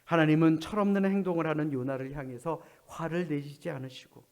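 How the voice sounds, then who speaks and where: Male pastor, fairly high voice; sermon delivery, rhetorical questions, loud peaks and quiet drops. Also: steady tone, brisk, smooth.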